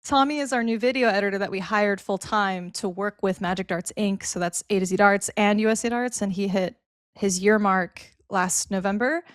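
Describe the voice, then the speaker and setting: A young woman co-hosting a casual podcast, talking quickly and going off on tangents, with laughs in between. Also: medium pitch, fairly even intonation, no room sound, clean studio sound. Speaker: co-host.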